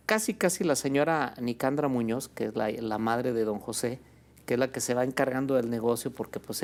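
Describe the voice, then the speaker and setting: Gravelly-voiced Mexican man telling stories. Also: medium pitch. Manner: relaxed, fills with "este" and "pues", ends phrases with "¿no?". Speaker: guest, birria restaurant owner. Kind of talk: conversational storytelling in an interview.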